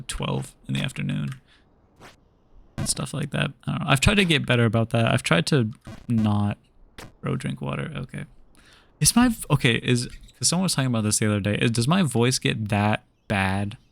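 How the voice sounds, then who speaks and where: A man's voice: fairly low pitch, vocal fry, a bit bright, slight background noise. A young man streaming a game, chatting casually with viewers in a laid-back, rambling way full of fillers and restarts. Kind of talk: casual chat while gaming.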